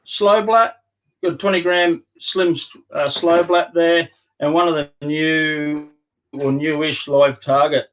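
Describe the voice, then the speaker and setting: A man's voice: a little high, fairly even intonation, takes it slowly, a bit bright, rough recording. A man with an Australian accent chatting casually as a guest, in a laconic way. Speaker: show guest. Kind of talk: casual chat.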